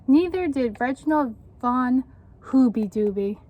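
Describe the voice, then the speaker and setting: In an encouraging, teacher-like manner, a woman reads a picture book aloud and pauses to ask the children questions. Her voice sits high, and the recording's upper frequencies are cut off.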